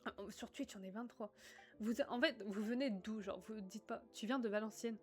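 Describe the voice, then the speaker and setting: A streamer from northern France chats casually with her viewers as she plays a game on a livestream. Her voice is a little high and her speed normal, and she's chatty, reading chat aloud and bursting into sudden excitement.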